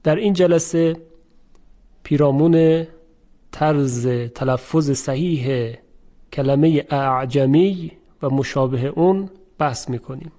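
A man teaching Quran recitation rules, with a mellow, slightly raised voice. He speaks slowly and carefully, repeating each sound to demonstrate it. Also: fairly high pitch. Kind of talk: tajweed lesson.

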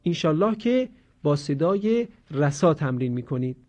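A man teaching Quranic pronunciation, explaining rules and drawing out example words slowly. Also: a little high, big pitch swings, a little mellow. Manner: slow, deliberate drawn-out model words between explanations. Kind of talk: instructional lesson on Quranic pronunciation. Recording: dull lo-fi audio.

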